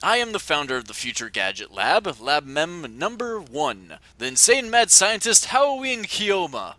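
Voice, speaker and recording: A man playing a grandiose, boastful mad scientist from a game, with slow theatrical villain menace. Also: a little high, sing-song, sharp tone, dry recording. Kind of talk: hobby dub reading of a visual novel game.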